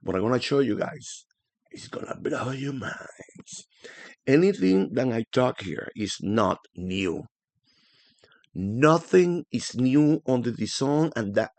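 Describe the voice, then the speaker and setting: A man whose first language is Spanish, speaking with a thick Spanish accent, hosts his own channel and talks through market charts in a chatty, animated way full of fillers. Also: lowish voice, no room sound. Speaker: forex analysis channel host. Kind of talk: casual market commentary to camera.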